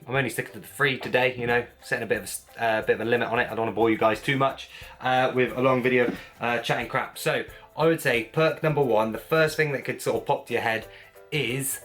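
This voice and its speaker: A man's voice: medium pitch, fairly bright tone. A man with a Wiltshire English accent, chatting casually to viewers in a rambling, informal, blokey way as a vlogger. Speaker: vlogger, gym owner.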